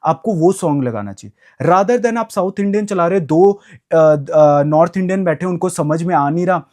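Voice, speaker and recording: Lively young man. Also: fairly high pitch, normal speed. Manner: emphatic, repetitive, mixing English phrases. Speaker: vlogger. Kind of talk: casual opinion rant to camera.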